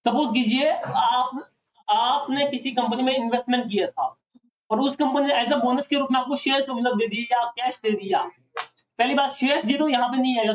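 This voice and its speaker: A male accounting teacher lecturing a classroom, often pausing to ask students questions to check they follow. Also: very high-pitched, far from the mic.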